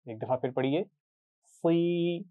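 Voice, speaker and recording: A man's voice: medium pitch, normal speed. Patient male Quran teacher, tinny sound. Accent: Urdu-speaking, Pakistani. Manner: patient, drills short syllables for students to repeat. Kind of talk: classroom lesson with drills.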